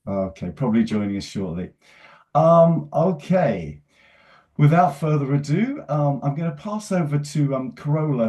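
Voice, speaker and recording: A man's voice: on the low side, mellow. A man moderating a webinar on a video call, friendly as he introduces panelists and sometimes stumbles over their names. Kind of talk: hosting a webinar.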